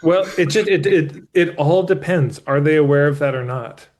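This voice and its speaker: A man's voice: a little high, normal speed, a little mellow. Candid male coach in live session. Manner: candid, emphatic, with casual swearing; restarts mid-thought as he explains. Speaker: business coach.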